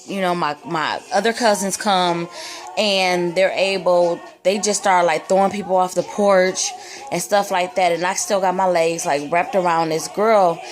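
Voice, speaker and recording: A young woman tells a story from her own life in a loose, rambling way, and she keeps leaning on "like" and "you know." She talks slowly in a fairly low voice. Faint music plays behind her. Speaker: vlogger telling a personal story. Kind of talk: casual storytime retelling.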